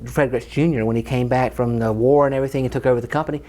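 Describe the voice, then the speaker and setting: A man co-hosting a casual guitar show, enthusiastic and quick to laugh as he explains history. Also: mid-range voice, steady tone, a little mellow. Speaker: co-host of a guitar shop show. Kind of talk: casual chat.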